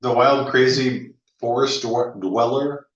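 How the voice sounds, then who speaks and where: A man's voice: mid-range voice, steady tone, takes it slowly. A man in casual conversation, musing with a wry, teasing manner and many restarts. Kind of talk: casual reflective chat. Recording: roomy, slightly dull audio.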